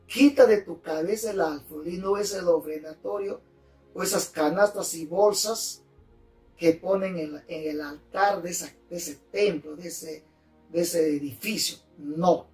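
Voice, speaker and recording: A male pastor giving a teaching sermon, fervent and deliberate, repeating and spelling out key words. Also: high-pitched, darkish tone. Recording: roomy, distant mic, faint music.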